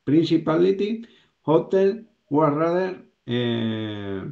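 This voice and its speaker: Gravelly male student, slow and careful. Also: on the high side, very animated. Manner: slow, careful repeating of words. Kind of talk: reading English aloud in a lesson. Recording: dull echoey lo-fi sound.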